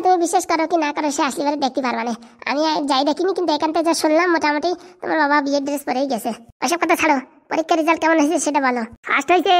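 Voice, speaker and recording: A squabbling household of rural cartoon characters, all voiced by one woman, trading rustic banter, teasing and scolding. The voices sit high and race along at a breakneck clip. It sounds like a comic cartoon sketch. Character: bickering rural cartoon family members, boisterous.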